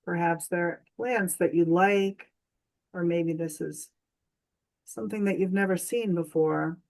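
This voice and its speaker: A woman with a lowish, steady-toned voice takes listeners through a guided meditation. She's gentle and soothing, never rushing, and pauses at length between phrases.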